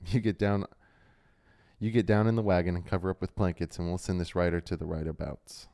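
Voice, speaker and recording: A loyal young hobbit, urgent and protective, speaking a little higher than the reader's own low voice, as a man puts him on. His words come quick and earnest in a storybook reading. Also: level tone, vocal fry, dark tone. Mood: anxious.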